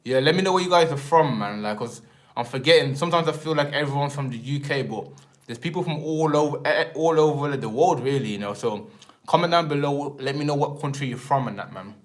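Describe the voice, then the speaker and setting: A man's voice: medium pitch, animated, a little fast. Slangy rambling English man. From England. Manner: rambling, slangy, repeats filler tags like "man" and "and that". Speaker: live-stream host. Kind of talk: casual live-stream chat.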